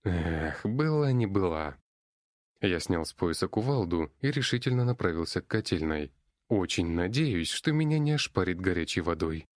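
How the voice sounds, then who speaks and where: Brief: low male audiobook narrator, first-person fantasy, wry delivery, dry close recording. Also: very animated, moderate pace, dry recording. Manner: wry, conversational.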